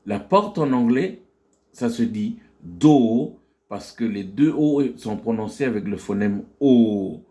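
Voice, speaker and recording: A man's voice: fairly low pitch, expressive, measured pace, warm tone. A man teaching a phonetics lesson, explaining with many fillers and restarts and stretching out English words to model their pronunciation.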